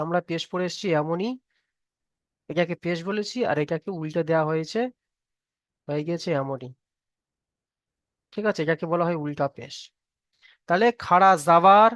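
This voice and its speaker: A man's voice: sits high, a bit bright, clean tone, dry recording, studio quality. A man teaching Quran reading rules in a live online class, patiently repeating each rule and asking students to recite. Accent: Bengali.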